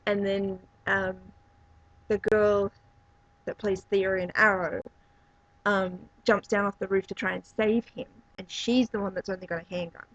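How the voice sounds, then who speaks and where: A woman's voice: mid-range voice, little pitch movement, a little slow, a bit bright, dry recording, muffled recording. A woman giving a casual spoken review of a film and show, rambling and searching for words. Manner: rambling, many fillers and restarts. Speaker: movie reviewer.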